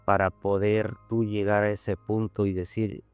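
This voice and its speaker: A man's voice: fairly low pitch, level tone, measured pace, smooth, dry recording, faint music behind. A man hosting a podcast, talking thoughtfully and hunting for words with lots of fillers. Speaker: podcast host. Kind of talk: casual chat.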